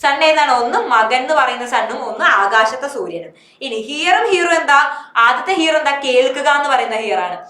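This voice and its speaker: A woman's voice: sits high, expressive, fairly quick, bright, forceful tone, echoey room. A woman English teacher with a Malayali accent, teaching an online class and answering her own questions. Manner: asks questions and answers them herself.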